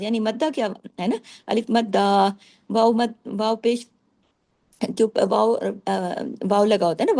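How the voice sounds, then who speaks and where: Patient woman tajweed teacher, mellow voice. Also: fairly high pitch, breathy edge. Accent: Pakistani Urdu. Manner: patient, repeats rules, checks understanding with "theek hai". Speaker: Quran recitation teacher. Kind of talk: Quran tajweed lesson, explaining and reciting verses slowly.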